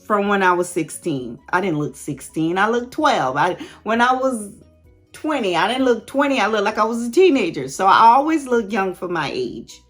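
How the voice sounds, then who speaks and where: A woman's voice: medium pitch, big pitch swings, normal speed, soft background music. A woman in her late fifties chatting candidly and laughing often as she answers viewer questions in a casual vlog. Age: late 50s. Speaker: YouTube host.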